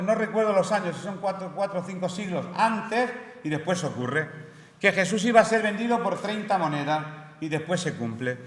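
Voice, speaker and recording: Bright-voiced man preaching in a church. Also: sits high. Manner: explanatory, asks the congregation rhetorical questions. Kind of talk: sermon. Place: church hall. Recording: roomy church hall reverb.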